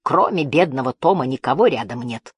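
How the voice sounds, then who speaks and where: Woman reading a sly male merchant, mock-friendly, husky low voice, dry sound. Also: lively intonation, brisk, dry recording, exaggerated voice.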